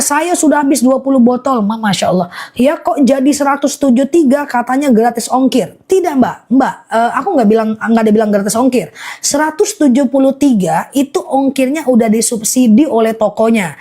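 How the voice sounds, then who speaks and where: Woman, slightly high voice, live-stream seller: brisk, repetitive, reassuring pitch. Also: darkish tone. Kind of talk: live-stream sales pitch reading viewer comments.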